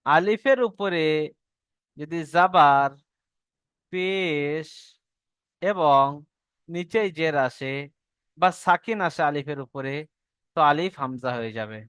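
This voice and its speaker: Clear-voiced Bengali male teacher. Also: on the high side, a bit bright, no room sound. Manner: patient, drills with call-and-repeat. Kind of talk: online Quran reading class.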